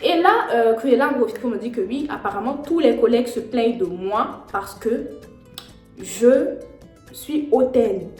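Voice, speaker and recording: A woman vlogger with a fairly high voice telling an animated story, acting out what others said. Her voice rings in an echoey room with faint music underneath. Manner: animated, quick retelling with acted quotes. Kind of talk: storytime vlog.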